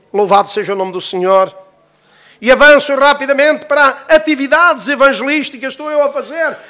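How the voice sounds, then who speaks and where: A Portuguese-accented male pastor teaches a Bible-school session in a strikingly high voice. He speaks with sermon-like emphasis, swells at times toward shouting, and draws call-and-response "amens" from the room. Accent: European Portuguese. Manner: emphatic, rising to near-shouts, calls for "amen".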